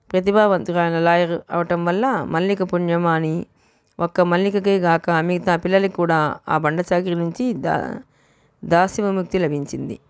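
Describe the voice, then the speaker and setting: Woman audiobook narrator, steady and low, dry close recording. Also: clean tone, no room sound. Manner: steady storytelling. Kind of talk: novel reading.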